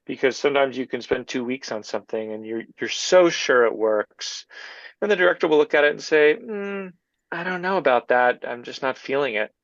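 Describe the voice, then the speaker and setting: A man who works as a film composer, answering interview questions in an easygoing, halting way with many fillers. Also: mid-range voice, dry recording, lo-fi sound.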